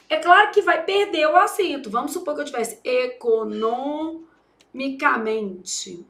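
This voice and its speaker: Brazilian woman grammar teacher, high bright voice, playful, echoey room. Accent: Brazilian Portuguese. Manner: chatty, jokey, addresses students as "gente". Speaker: Portuguese teacher for exam prep. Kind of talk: lively classroom lesson.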